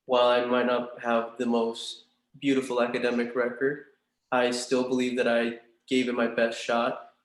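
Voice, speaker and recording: A big room echo surrounds this young man's voice. He speaks at a middling pitch with a very flat, even intonation. His manner is polite and earnest, with some hesitation, as in a formal interview. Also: normal speed. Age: 20s. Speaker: student in a practice job interview. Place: room in a large house.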